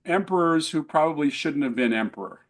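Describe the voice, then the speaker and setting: A middle-aged man hosting a casual film chat who talks about movies he enjoyed with warm enthusiasm. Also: fairly high pitch, animated, a little fast. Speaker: host.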